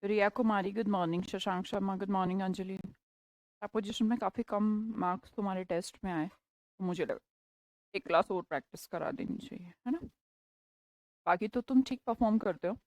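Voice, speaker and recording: A woman teacher with an Indian accent teaching English vocabulary in a live class, explaining patiently, checking often that the students follow, and slowing down for English examples. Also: medium pitch, darkish tone, no room sound, poor audio.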